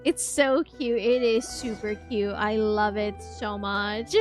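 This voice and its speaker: A woman streaming a game reaction, chatty and excitable, greeting her viewers as she plays. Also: mid-range voice, slow, faint music behind. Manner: gushing, excitable, with squeals and laughs.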